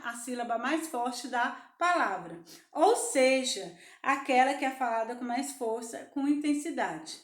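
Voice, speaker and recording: A young Brazilian woman teaching small children with a high, sing-song voice. She coaxes them along, asks questions and answers them herself. The sound is roomy and echoey, like a bare classroom. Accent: Brazilian Portuguese. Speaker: primary school teacher.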